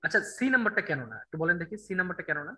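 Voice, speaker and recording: Bright-voiced male English teacher. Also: high-pitched, rough recording. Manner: drills answers with rhetorical questions, reads options slowly. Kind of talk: online grammar class.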